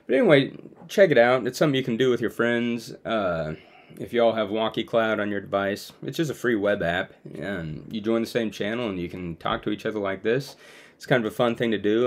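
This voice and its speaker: In a small room at home, a young adult video creator with a voice on the low side walks viewers through his own web app. His screen-share demo is casual, informal and conversational.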